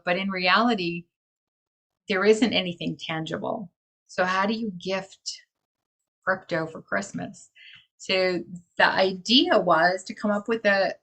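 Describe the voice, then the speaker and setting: A woman's voice: mid-range voice, sharp tone. A woman enthusiastically explaining a crypto gift card in casual talk on a video call, gushing as she goes. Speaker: crypto community organizer.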